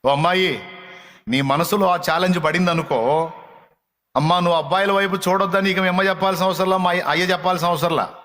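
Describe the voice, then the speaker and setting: A man's voice: sits high, steady tone, a little fast, fairly bright tone, big-room sound. A man preaching a sermon as a pastor, scolding and driving his points home with hammering repetition.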